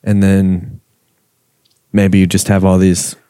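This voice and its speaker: A man's voice: deep voice, completely flat delivery, slow, warm tone, clean tone, no echo, clean studio sound. A young man co-hosting a casual podcast, laid-back and rambling, who swears casually. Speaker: podcast co-host.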